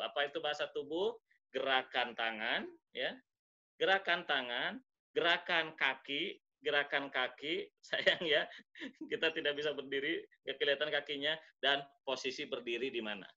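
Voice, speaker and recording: A man teaching public speaking in an online webinar, demonstrating intonation by deliberately swinging his pitch and pace. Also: pushed and bright, dull audio. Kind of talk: webinar lesson.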